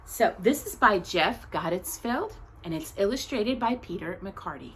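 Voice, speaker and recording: Speaking at a medium pitch, a woman narrates a children's picture book in an expressive storytelling style, pausing deliberately and dramatically between short phrases. Slight background noise can be heard.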